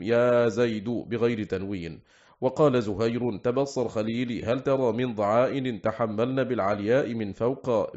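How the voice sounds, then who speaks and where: A man reading a classical Arabic book aloud as an audiobook, slowing down to recite quoted verses and phrases. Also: mid-range voice, a little mellow. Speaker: audiobook reader. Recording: slightly dull, lo-fi recording.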